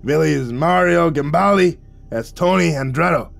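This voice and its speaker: For an audiobook, a man voices a big, jovial, foul-mouthed gangster boss in a booming, gravelly voice at normal speed. He sounds chummy and uses street slang, with music playing behind him.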